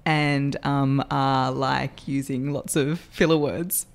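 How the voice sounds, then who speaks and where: Lively laughing woman voice coach. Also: extremely low pitch, slow. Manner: lively, laughs often, self-deprecating. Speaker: voice coach guest. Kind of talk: podcast interview.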